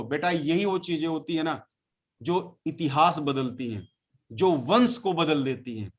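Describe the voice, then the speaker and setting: Guy with a high voice hyping up his sales team, scolding them, lots of rhetorical questions. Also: a bit bright. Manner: emphatic, exhorting with rhetorical questions; scolding, chiding listeners. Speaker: network marketing team leader. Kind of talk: motivational speech to a team meeting.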